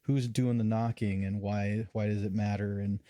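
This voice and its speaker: Low, dark-voiced man in podcast chat. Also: flat delivery, moderate pace, no room sound, studio quality. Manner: earnest, many restarts. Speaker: paranormal investigator.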